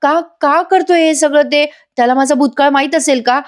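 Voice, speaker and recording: A woman's voice: sits high, normal speed, voice pushed up, natural voice. A woman putting on a panicked young woman near tears. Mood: panicked crying. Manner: stammering, pleading, repeating herself.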